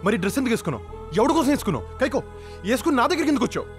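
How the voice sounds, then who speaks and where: A man's voice: extremely high pitch, big pitch swings, soft background music. Hot-tempered young man. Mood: accusing. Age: young adult. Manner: rapid, heated accusations. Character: quick-tempered young man, proud and accusing. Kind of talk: film drama dialogue.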